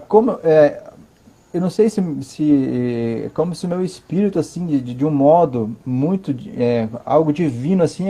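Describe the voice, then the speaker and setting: A man with a Brazilian Portuguese accent giving an earnest personal testimony from his living room, halting and repeating words for emphasis. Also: on the high side, warm tone, breathy edge. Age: adult, father of a five-year-old. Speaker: interview guest.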